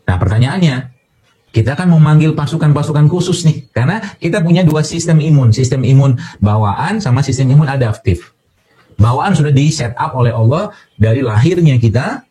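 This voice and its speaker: A man from Indonesia lectures an audience on health as a doctor, walking through a simple everyday analogy step by step. His voice is warm and dark in tone. It is heavily husky throughout, and he fills gaps with hesitations while he hunts for the right word. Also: mid-range voice. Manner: explains with everyday analogies, many fillers. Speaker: doctor giving a health talk. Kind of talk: explanatory health talk to an audience.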